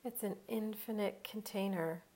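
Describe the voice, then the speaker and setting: A woman guides a meditation in a warm, mid-range voice, speaking softly and slowly. She offers short phrases separated by long pauses.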